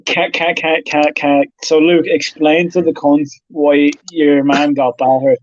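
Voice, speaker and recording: A man's voice: fairly high pitch, little pitch movement, a little slow, lo-fi sound. A man in casual stream chat who swears constantly, jokes and laughs a lot. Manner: profane, joking, laughs often.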